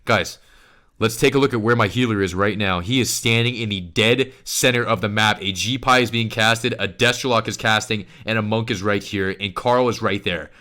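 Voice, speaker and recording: A man giving animated commentary as he breaks down a recorded game match, switching between hyped bursts and quiet asides. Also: lowish voice, normal speed. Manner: animated, emphatic, swings between hype and hushed asides. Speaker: pro player and streamer.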